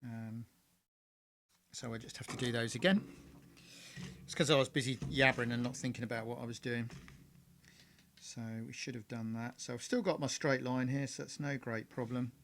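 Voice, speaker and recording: A man's voice: medium pitch, fairly even intonation, normal speed, pauses often, a bit bright, slight background noise. A man hosting a live-streamed model railway crafting demonstration, talking in a rambling, chatty way full of fillers and self-corrections. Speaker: model railway hobbyist host.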